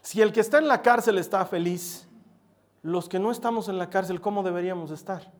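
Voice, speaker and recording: A male preacher, with a fairly high voice for a man. He delivers an emphatic sermon, swinging between loud stresses and quiet drops. He often puts questions straight to his listeners. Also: a little fast. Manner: directly addresses listeners with questions.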